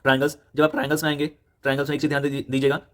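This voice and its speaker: A young man with an Indian accent, a maths tutor giving a brisk, directive textbook walkthrough, repeating his instructions and correcting himself as he goes. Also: medium pitch, monotone. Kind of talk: fast textbook walkthrough lesson.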